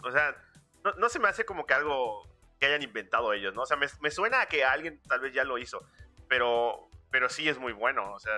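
A man in a casual chat among friends, relaxed and chatty, filling his talk with fillers. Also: mid-range voice, a little fast, faint music behind. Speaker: podcast co-host.

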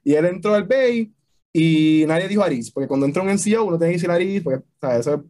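A young man telling army stories in a casual podcast chat, slangy and animated, mixing Spanish and English. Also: high voice, fast. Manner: animated storyteller, slangy and swearing. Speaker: podcast guest, army veteran.

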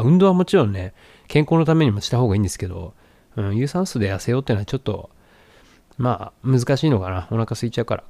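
A man's voice: mid-range voice, a little mellow, dry recording. A man talking casually to a vlog about his training, thinking aloud in a reflective, conversational way. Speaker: vlogger.

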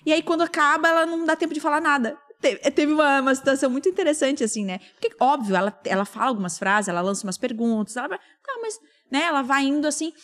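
A woman's voice: sits high, quick pace, few pauses. A woman telling a story in casual chat, acting out the lines of the people in it. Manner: animated storyteller, acts out quoted dialogue.

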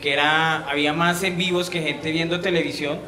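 A man's voice: on the high side, steady tone, brisk, bright, forceful tone. A man with a Colombian accent co-hosting a comedy podcast, joking playfully at his own expense. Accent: Colombian Spanish. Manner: self-deprecating, playful jokes. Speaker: podcast co-host. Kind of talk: casual comedic podcast banter. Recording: roomy sound with audience laughter.

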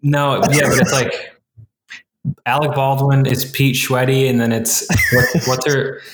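A man's voice: mid-range voice, level tone, a little slow, a bit bright. A man co-hosting a podcast in casual conversation, in an echoing, tunnel-like empty kitchen and dining room. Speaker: podcast co-host. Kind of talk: casual chat. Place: echoey kitchen and dining area of an unfurnished house. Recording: echoey, tunnel-like room sound.

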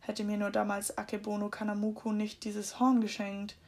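A woman voicing a calm, secretive middle-aged man who speaks solemnly. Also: medium pitch, moderate pace, close to an everyday voice.

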